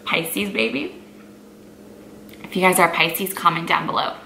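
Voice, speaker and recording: Talking to camera in a relaxed Q&A, this twentysomething woman from Brazil, whose native language is Portuguese, keeps things chatty and easygoing, saying "like" constantly as a lifestyle vlogger. Her voice is low-ish, unhurried, gravelly, bright, and forceful, recorded in an echoey room with faint background noise.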